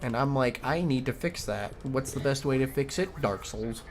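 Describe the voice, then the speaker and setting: A man's voice: medium pitch, moderate pace, noisy background. A man with a Midwestern accent giving casual, rambling gameplay commentary as a streamer. He swears freely and talks to himself as he plays. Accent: Midwestern American. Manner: rambling, profane, talks to himself while playing.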